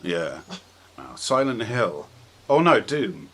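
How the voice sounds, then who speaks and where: Thinking out loud on his podcast, a man rambles tentatively through casual talk about movies and games, speaking slowly with big pitch swings. His voice is fairly low and fairly bright in tone, and noise can plainly be heard behind him.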